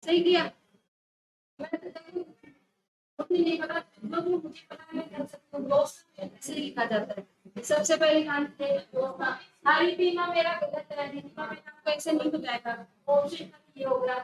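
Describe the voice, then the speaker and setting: High-pitched woman teacher reviewing a test, corrects firmly and repeats words, echoey room with faint hiss. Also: lively intonation, normal speed. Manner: correcting students firmly, repeating the word under discussion. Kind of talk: exam prep lesson going over a test.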